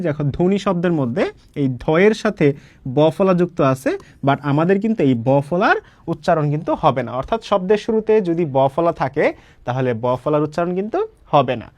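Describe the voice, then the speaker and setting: A man's voice: sits high, dry recording. A young man from Bangladesh teaching an exam-prep grammar lesson, explaining step by step and asking and answering his own questions.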